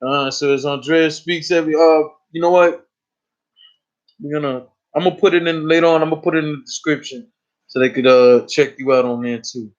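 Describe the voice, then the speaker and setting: A man's voice: fairly high pitch, steady tone, a little fast. A man hosting a casual live stream, talking loosely and profanely, often repeating himself. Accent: New York. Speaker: host. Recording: dull lo-fi stream audio.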